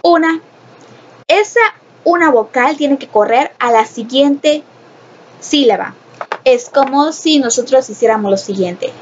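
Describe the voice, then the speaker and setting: Slow, patient woman teaching phonics. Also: sits high. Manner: explains slowly, repeats and asks rhetorical questions; mixes Spanish and English. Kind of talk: recorded classroom lesson. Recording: dull lo-fi sound with faint noise.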